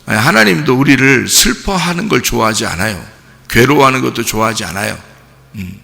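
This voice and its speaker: A man preaching at a dawn service in a gravelly, sharp-edged voice. He presses his points with repeated words and keeps firing questions at the congregation. The sound carries a long reverb that rings through the church sanctuary. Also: mid-range voice, lively intonation, a little fast. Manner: emphatic, repeats key words. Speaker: pastor. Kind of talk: early-morning sermon.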